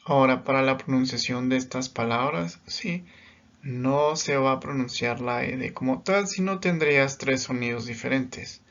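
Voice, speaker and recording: A man's voice: medium pitch, gravelly. Patient teacher man, lo-fi sound. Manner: patient, explains step by step, often checks with "¿sí?". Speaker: English teacher. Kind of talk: recorded grammar lesson.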